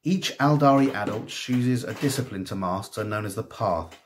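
Male hobby reviewer, slightly low voice, loose rambling delivery with frequent restarts. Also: normal speed, slight background noise. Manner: rambling, full of ums and restarts; reads passages aloud. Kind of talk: casual magazine review.

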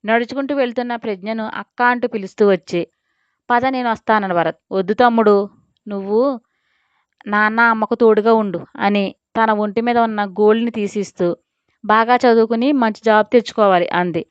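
A woman's voice: on the high side, fairly even intonation, fairly quick, smooth, dry recording, highs cut off. A woman narrating a scripted audio story and voicing all the characters herself.

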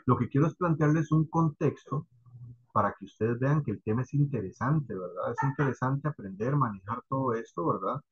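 A man's voice: medium pitch, lively intonation, moderate pace, husky, muffled recording. A man with a Costa Rican accent teaching an online class, explaining patiently and checking in with students often. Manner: explanatory, addresses students directly with frequent "¿verdad?" and "¿ok?".

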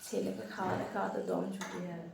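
A woman narrates her day at home in a hushed, worn-out voice with a gravelly rasp. Her voice rings in an echoey room, and dishes and pans clatter around her. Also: fairly low pitch, fairly even intonation, fast talker. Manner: speaks softly and quietly after a workout. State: tired after exercise. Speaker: vlogger. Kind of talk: casual daily vlog narration. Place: home kitchen. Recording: echoey room with loud household noise.

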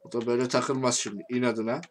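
A man with a Turkish accent giving casual game commentary, talking to himself and swinging from quiet muttering to angry shouting. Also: medium pitch, flat delivery, fast talker, a little hiss or hum. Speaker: gaming YouTuber.

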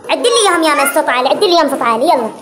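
A woman's voice: sits high, lively intonation, racing, very noisy. A woman teaching kindergartners to count, coaxing them to speak up and praising each child. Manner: encouraging, repeatedly urging pupils to speak louder and praising them. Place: kindergarten classroom.

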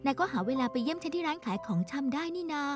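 A woman's voice: high voice, lively intonation, very fast, faint music behind. A woman dubbing a nosy friend who teases and pries, in a Thai TV drama dub. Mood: teasing. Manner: teasing, prying. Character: nosy teasing grocery-shop friend.

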